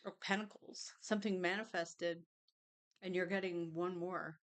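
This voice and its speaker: A woman's voice: fairly low pitch, fairly even intonation, a little slow. A woman tarot reader chatting casually, rambling between snacks and card readings. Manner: chatty, rambling, tastes food on camera.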